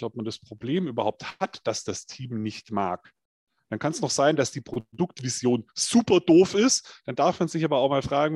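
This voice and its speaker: A man's voice: medium pitch, darkish tone, slightly rough, dry recording, studio quality. Plain-spoken man discussing agile teams. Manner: direct, conversational, acts out dialogues. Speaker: agile coach and live stream co-host. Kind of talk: casual live-stream chat.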